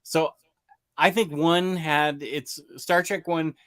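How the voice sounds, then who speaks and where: A middle-aged American man hosts a casual comics channel chat, reading viewer questions in a rambling way, interrupting himself with restarts and chuckling often. His voice is slightly high, a bit bright and steady, his pace slow, with no echo.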